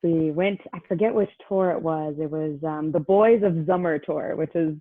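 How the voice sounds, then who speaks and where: A woman's voice: deep voice, moderate pace. A young woman tells a story in a loose, chatty way, filling it with "like" and acting out what others said. The sound is thin and tinny, as if over a phone line, with no room echo. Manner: chatty, many "like" fillers, acts out quotes. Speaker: guest. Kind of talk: casual storytelling.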